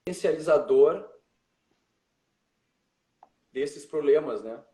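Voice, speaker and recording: Um homem osteopata conversando em uma chamada de vídeo ao vivo, com o áudio picotando e cortando, falando de modo hesitante e explicativo. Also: male voice, a little high, slow pace, dark tone. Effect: audio breaking up over a video call. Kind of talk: casual live video-call chat. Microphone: video call. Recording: echoey room over a choppy video call.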